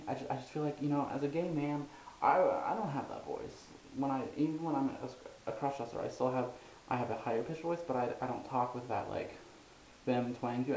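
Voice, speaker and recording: A young man rambles through a personal vlog, pausing on ums and restarting his sentences. His mid-pitched voice bounces around a roomy, echoey space with a faint hiss underneath. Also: mellow. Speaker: vlogger.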